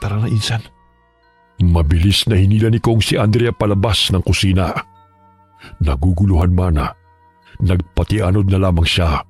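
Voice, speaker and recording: Low husky guy narrating a spooky tale, soft music under it. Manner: steady, measured storytelling. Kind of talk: scripted horror narration.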